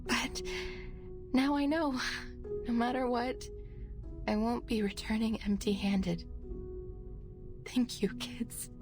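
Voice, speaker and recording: A woman voicing a composed, protective adult scholar in game dialogue, with a measured, explanatory delivery. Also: on the high side. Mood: wistful. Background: game music.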